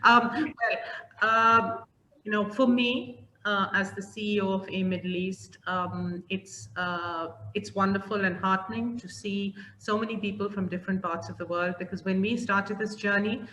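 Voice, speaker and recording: A woman's voice: mid-range voice, steady tone, a little slow. A woman from Pakistan, a company head, talking on an online webinar with lots of fillers and restarts. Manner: warm, with many fillers and restarts. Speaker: CEO of a training company, webinar panelist. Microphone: video call. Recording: echoey room, faint background noise.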